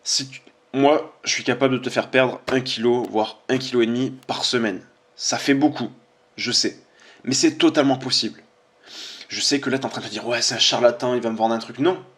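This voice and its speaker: A man's voice: medium pitch, fairly quick, a bit bright. A man, a fitness coach giving casual, chatty commentary on social media posts, informal and full of fillers.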